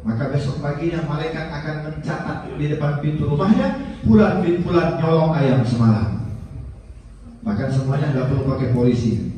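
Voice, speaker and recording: A man with an Indonesian accent preaching a sermon in a prayer hall, telling stories with big swings between high and low. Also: recorded from a distance, slight background noise. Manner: animated storytelling, pitch swinging high and low. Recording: echoey hall, heard from afar.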